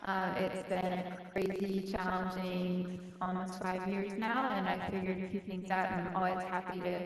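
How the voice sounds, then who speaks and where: A woman's voice: on the low side, little pitch movement, moderate pace. A woman founder speaking earnestly and encouragingly at a live-streamed event, with some fillers. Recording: echoey, distant, long reverb.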